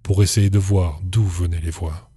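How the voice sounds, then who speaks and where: Deep, dark-voiced male horror narrator. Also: slightly rough, dry recording. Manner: calm, measured, somber reading.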